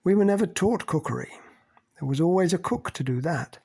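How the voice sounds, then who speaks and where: A man's voice: fairly high pitch, animated, a little fast, vocal fry, a little mellow, husky, voice pushed up, full character voice. A man voicing Tiggy, a cool, unflappable upper-class English woman with a cut-glass accent, in an audiobook. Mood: cool, posh. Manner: cool, unfazed.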